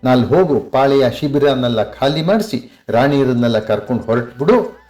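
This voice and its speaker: A man's voice: medium pitch, animated, moderate pace, a little mellow, faint music behind, lightly acted. An older man voicing a proud, vengeful warrior king who boasts and vows revenge with rising emphasis. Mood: commanding. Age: 60s.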